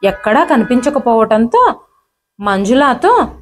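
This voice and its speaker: Lady reading out a family drama story, voice sits a bit high, does the characters with small shifts. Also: sing-song, slow pace, soft background music. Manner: reads all characters' lines in her own voice with light shifts. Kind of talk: scripted narration of a family drama.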